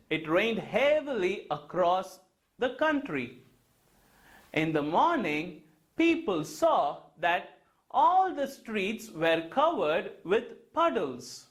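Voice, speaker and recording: An animated young male storyteller reading a children's tale. His voice sits high and swoops up and down expressively. He unfolds the story at an unhurried pace. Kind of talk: storytelling for kids.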